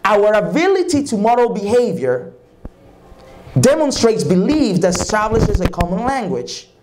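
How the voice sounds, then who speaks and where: A Dominican man whose first language is Spanish gives a leadership teaching talk at a church leadership summit, repeatedly drilling key phrases and quizzing the audience. His voice is high and very animated, at a moderate pace. It comes from a noisy live-stream recording in a church.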